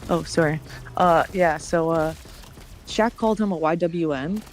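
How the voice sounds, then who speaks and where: A woman's voice: low-pitched, unhurried, slight background noise. A woman streamer telling a long story in casual chat. She acts out the other people's lines and swears often.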